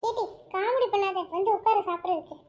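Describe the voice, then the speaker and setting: A woman's voice: very high voice, brisk, a little mellow. A woman playing a scolding middle-aged mother. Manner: scolding, calls daughters "ஏடி". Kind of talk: home family drama, one narrator voicing all roles.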